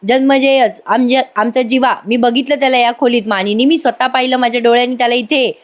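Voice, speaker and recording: A woman's voice: fairly high pitch, steady tone, a little fast, natural voice. A woman voicing a nosy, scolding old aunt. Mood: insistent. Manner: insistent, bossy retelling of a gossiping aunt. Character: stern nosy older aunt, suspicious, scolding.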